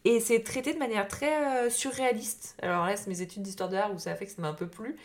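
A woman's voice: medium pitch, fairly even intonation, quick pace. A young woman chatting casually as a podcast co-host, laughing easily and using many fillers. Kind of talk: casual chat.

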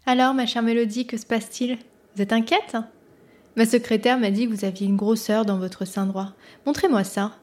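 A woman voicing a calm female doctor who talks in a light, soothing tone. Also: fairly high pitch, moderate pace, natural voice.

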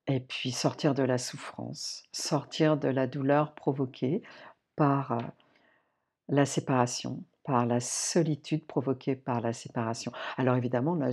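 Woman host, low mellow voice, informal self-help talk straight to the listener, hesitant restarts. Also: breathy edge. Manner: addresses listener directly, informal, many fillers and restarts. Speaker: podcast host. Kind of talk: reflective personal-growth talk.

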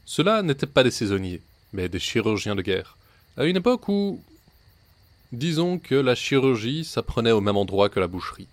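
A man narrating folk tales in a measured storytelling manner, sometimes slipping into his characters' voices. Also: medium pitch, big pitch swings, no echo.

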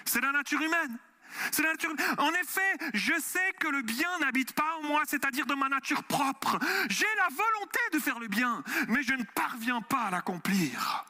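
Male pastor, Swiss French accent with Quebec touches, animated sermon delivery, very high and bright. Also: normal speed. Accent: Swiss French mixed with Quebec and French. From Switzerland. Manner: animated, asks the audience questions.

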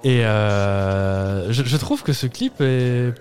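A man's voice: mid-range voice, slow, a little mellow. Playful French-speaking podcast man. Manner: playful, joking, rambling. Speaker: podcast co-host. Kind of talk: casual chat.

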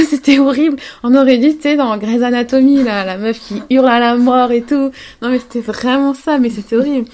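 A young woman, a podcast guest, telling her story in a casual, candid, animated way, with slang and frequent laughter. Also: fairly high pitch, fairly quick. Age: young adult.

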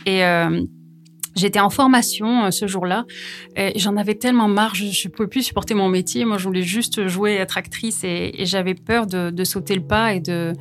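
A woman in her thirties from France talks through her career as a guest. Her speech is casual and full of fillers and restarts, at a middle pitch. She laughs easily between thoughts. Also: fairly even intonation, moderate pace. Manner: chatty, hesitant with many fillers, laughs easily. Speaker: interview guest, actress. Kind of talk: casual conversational interview.

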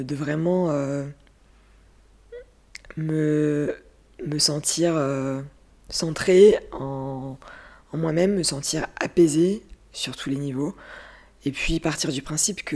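A woman guest speaking reflectively in an interview, pausing often and searching for her words. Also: low voice, a little mellow. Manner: hesitant, searching for words with many pauses.

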